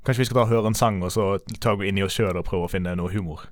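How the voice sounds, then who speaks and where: A man's voice: deep voice, fairly even intonation, noisy background. A man co-hosting a radio comedy show in a studio, talking in a laid-back, dry way. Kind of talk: casual comedic chat.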